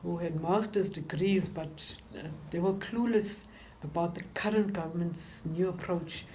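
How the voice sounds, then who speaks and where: An older woman with a South African accent, speaking in a halting, reflective way as she recounts her life and work in an interview. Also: lowish voice, dark tone, slight background noise, low-quality recording.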